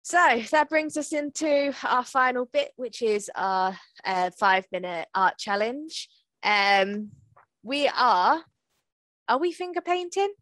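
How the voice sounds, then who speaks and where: A woman's voice: a little high, animated, takes it slowly, fairly bright tone, no echo. A woman co-hosting an art podcast over a video call, talking through her artwork in a rambling, reflective way with lots of fillers. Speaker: podcast co-host and artist. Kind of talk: casual talk about her artwork.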